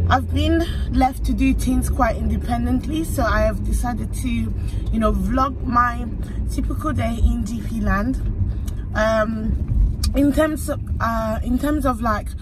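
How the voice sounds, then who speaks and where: A woman's voice: a little high, noisy background. A young woman from Italy, a physician associate student, chatting upbeat and casual with many fillers, filming on a phone in her car. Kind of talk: casual vlog chat. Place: inside a parked car. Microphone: phone camera at arm's length.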